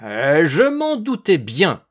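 A man voicing a suspicious old male landowner hunter who shouts and blusters, making angry accusations. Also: medium pitch, big pitch swings, measured pace. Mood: furious.

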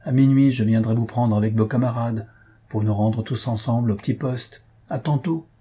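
A mocking army sergeant from a read-aloud story, put on by a man with a pitch pushed up over his husky, mellow timbre. He teases in a confidential tone. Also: moderate pace, natural voice. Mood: teasing. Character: sly, teasing male army sergeant.

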